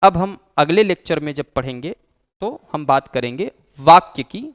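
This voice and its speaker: A man's voice: a little high, expressive, normal speed. A man teaching an exam-prep Hindi grammar lesson, explaining patiently, repeating key terms and acting out example phrases.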